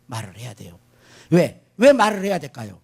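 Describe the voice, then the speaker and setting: A man preaching a sermon as pastor, putting questions to the congregation and answering them himself, moving from hushed asides to shouted declarations. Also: fairly high pitch, big pitch swings, moderate pace, gravelly, husky.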